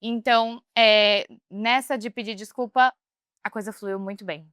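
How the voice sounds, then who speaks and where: A woman co-hosting a podcast in casual chat, telling stories with animated expression. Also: medium pitch, a little slow, clean tone, no echo, clean studio sound. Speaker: podcast co-host.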